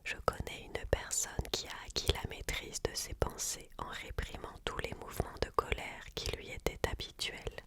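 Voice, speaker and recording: Whispering softly as if in a library, this person reads from a book for ASMR at a slow, deliberate pace.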